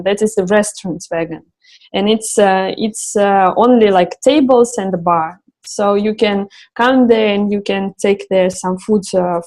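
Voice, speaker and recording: A woman answers interview questions, pausing often to find her words. Her voice is worn and getting hoarse. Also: medium pitch, darkish tone, poor audio. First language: Russian. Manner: searching for words, many restarts and fillers. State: losing her voice. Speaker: founder of a travel project.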